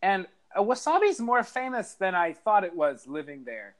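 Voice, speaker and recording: A man's voice: high voice, big pitch swings, moderate pace. A man co-hosting a podcast over a call, telling stories in a rambling, hesitant way with lots of fillers. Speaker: podcast co-host. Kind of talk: casual chat.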